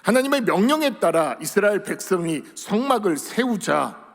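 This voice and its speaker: A man's voice: high voice, big pitch swings, moderate pace, vocal fry. A man preaching a sermon as pastor, in earnest tones that rise on key words and fall at the end of phrases. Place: church sanctuary. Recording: long church hall reverb.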